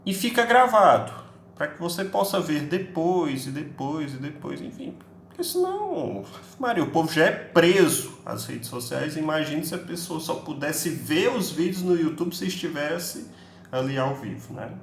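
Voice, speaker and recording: A man teaches an English lesson, his voice lively and bouncing up and down in pitch. He chats through the class, tagging questions onto his sentences and acting out the questions his students might ask. The recording sounds echoey, with faint room ambience behind him. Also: normal speed, vocal fry, slight background noise. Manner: chatty, peppers speech with tag questions, acts out students' questions.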